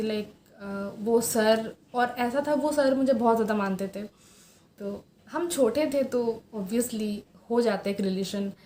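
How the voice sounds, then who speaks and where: A young woman vlogging from home, telling a personal story in a soft, hesitant way with many fillers. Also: medium pitch. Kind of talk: personal confessional vlog. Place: room at home. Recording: roomy echo, faint background hiss.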